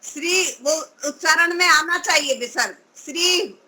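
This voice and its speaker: A woman's voice: high voice, unhurried, sharp tone, low-quality recording. A woman teaching Sanskrit pronunciation, drawing out syllables and patiently correcting her student. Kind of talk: pronunciation lesson.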